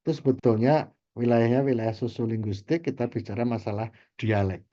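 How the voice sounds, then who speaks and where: A male lecturer with a mellow, relaxed voice explains concepts to his class over a video call. He repeats key terms and tags his phrases with small checks for understanding. The sound is slightly muffled and dull. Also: medium pitch, brisk.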